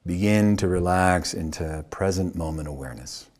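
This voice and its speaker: Here a man leads a guided meditation as a yoga teacher, his husky voice low-pitched. He keeps things calm, with short, unhurried phrases and long pauses.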